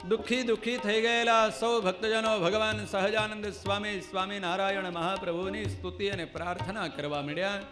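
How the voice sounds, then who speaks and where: A man's voice: high-pitched, steady tone, moderate pace, hardly any pauses. A man narrating a devotional scripture story in a dramatic storytelling manner, at times half chanting. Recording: clear devotional music with tabla behind.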